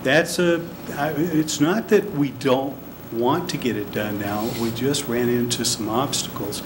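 A man's voice: medium pitch, a little slow. An older man, an elected director, answering a city council from a podium, earnest and defensive. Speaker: elected transit board director. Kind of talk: presenting at a public council meeting. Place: large council chamber, standing at a podium. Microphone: podium microphone. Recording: noisy council chamber recording.

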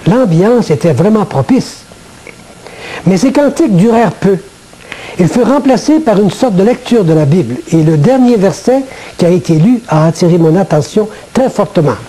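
An older man from Quebec with a Québécois French accent, a former priest giving a measured, earnest personal testimony to camera in a small studio. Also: high voice, lively intonation, dark tone, poor audio. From Quebec, Canada.

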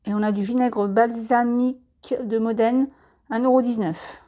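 A woman's voice: fairly high pitch, steady tone, a little slow, warm tone. A French woman chatting through a supermarket catalogue, listing products and prices with friendly tips and asides. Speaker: catalogue presenter.

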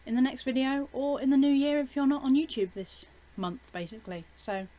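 A woman's voice: high-pitched, expressive, brisk, warm tone. A young woman with a British accent, chatting casually as a YouTuber in a home vlog, filling gaps with "basically" and "um".

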